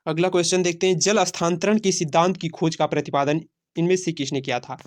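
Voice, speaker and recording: A man teaching an exam-prep science class runs a quiz-style lesson, repeating phrases and answering his own questions. His voice is a little high, his intonation fairly even, and he talks fast.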